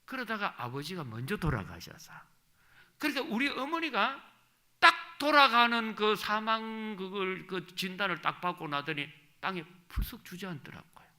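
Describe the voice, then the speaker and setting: Middle-aged male pastor, lively sermon delivery, very bright ringing tone, emphatic storyteller. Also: high-pitched, moderate pace. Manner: animated storytelling, rising to emphatic peaks.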